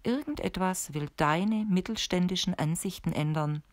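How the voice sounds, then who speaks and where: A woman voicing a calm, friendly male sorcerer in an audiobook, speaking softly and unhurriedly, close to the mic. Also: high voice, normal speed, no room sound, close to an everyday voice. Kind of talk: audiobook character voice.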